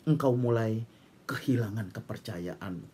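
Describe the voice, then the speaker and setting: A man's voice: fairly low pitch, measured pace, heavy background noise. A male pastor preaching with fervent exhortation and bursts of prayer in tongues. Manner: animated, exhorting, breaks into speaking in tongues.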